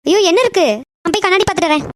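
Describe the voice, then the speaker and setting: A woman's voice: extremely high pitch, a little hiss or hum. A woman voicing a playful young bride-to-be in a cartoon who teases her fiancé. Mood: teasing. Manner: teasing, fast chatter.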